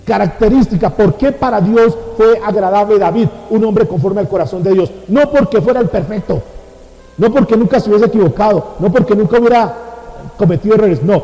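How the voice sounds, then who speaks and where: A man's voice: sits high, mellow, long reverb tail, rough recording. A man preaching a sermon as pastor, asking the congregation questions and repeating key phrases. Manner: preaching with rhetorical questions and repetition.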